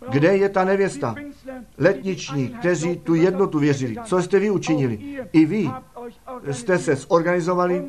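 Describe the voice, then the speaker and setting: A man's voice: sits high, a crowd in the background. A man preaching a sermon fervently, firing rhetorical questions at the congregation.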